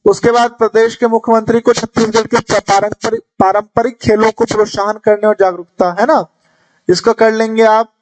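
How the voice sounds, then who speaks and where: A man's voice: high voice, flat delivery, moderate pace, faint music behind, rough recording. A young man with a Chhattisgarhi Hindi accent teaching an exam revision lesson, chatting casually and speaking straight to his students.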